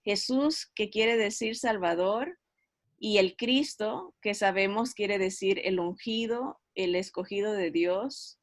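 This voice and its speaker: A middle-aged woman leading a Bible study, explaining at an unhurried pace with frequent pauses, hesitations and tag questions to her listeners. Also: medium pitch, no echo, clean studio sound. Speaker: Bible teacher.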